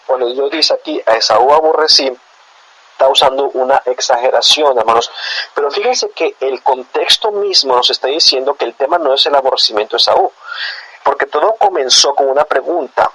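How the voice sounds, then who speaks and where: A man preaching a sermon as pastor, explaining scripture to his congregation in a lively, animated way. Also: mid-range voice, husky, low-quality recording. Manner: animated preaching, addresses listeners as brothers. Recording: radio broadcast.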